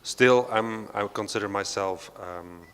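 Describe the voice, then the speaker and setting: Low-leaning, smooth and a bit bright, this Belgian man speaks at a measured pace in the large hall of an art centre, his voice trailing a long reverb. His unscripted panel talk is hesitant, full of fillers and restarts.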